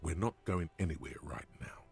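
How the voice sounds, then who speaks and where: A brooding, wry inner-voice narrator from a video game. His voice sits extremely low, rough with fry and husky texture. He delivers each line in a measured, poetic way. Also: lively intonation, full character voice. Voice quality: very deep gravelly voice.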